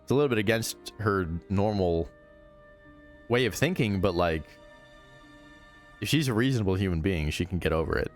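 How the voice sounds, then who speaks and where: A man's voice: lowish voice, lively intonation, normal speed, long pauses, faint music behind. A man giving casual, sweary reaction commentary as a streamer, with incredulous asides.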